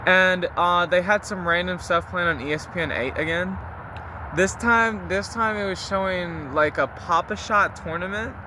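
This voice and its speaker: Higher-pitched young man rambling over background noise. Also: normal speed. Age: young adult. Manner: rambling, slangy, mildly profane. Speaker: vlogger recording a spoken diary. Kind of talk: casual confessional chat to listeners.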